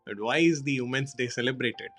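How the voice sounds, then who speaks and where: A man hosting a live online session, talking in a halting way with many fillers. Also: mid-range voice, fairly bright tone.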